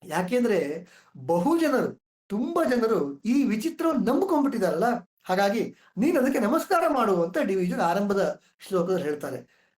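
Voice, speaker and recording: A woman's voice: mid-range voice, very animated, darkish tone. Woman explaining verse in an echoey room. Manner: slow chanting of verses, conversational explanations. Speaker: poetry explainer.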